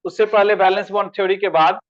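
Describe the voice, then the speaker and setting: A male chemistry teacher with a high voice and fairly even intonation speaks fast in an online class lecture, recorded with lo-fi sound. He calls on students by name, addresses them as "beta," and asks them questions.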